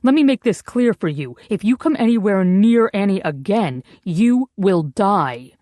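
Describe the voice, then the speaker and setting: A woman reads a big, dour man in an audiobook. He threatens coldly in a lowered voice at a slow pace. The sound is dry and close. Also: lively intonation, dark tone, no echo, natural voice. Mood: menacing. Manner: cold, low, threatening.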